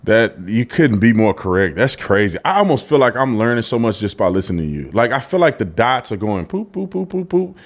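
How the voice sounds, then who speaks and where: A man hosting an interview, talking in an animated way and pushing his voice up high when he stacks points. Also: a little fast, few pauses. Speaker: interview host. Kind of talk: interview conversation.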